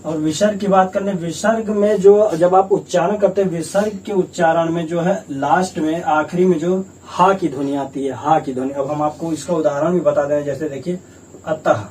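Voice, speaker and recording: A male teacher gives a grammar lesson, explaining patiently and repeating himself as he sounds out letters one by one. His voice is slightly high and mellow. It is picked up from a distance, with a faint hum of room noise behind him.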